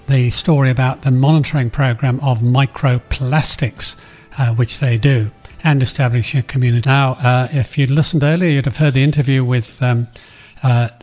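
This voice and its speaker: A man's voice: medium pitch, darkish tone. Australian man presenting community radio, chatty. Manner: chatty, addresses listeners directly. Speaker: radio programme host.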